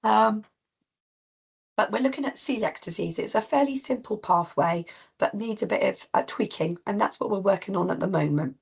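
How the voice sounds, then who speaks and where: A woman with a cold, husky and coughing, giving an informal online talk to practice teams with many ums and restarts. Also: mid-range voice, normal speed. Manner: rambling with frequent ums and restarts. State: coughing, voice strained. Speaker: clinical lead presenting to practice teams. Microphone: video call.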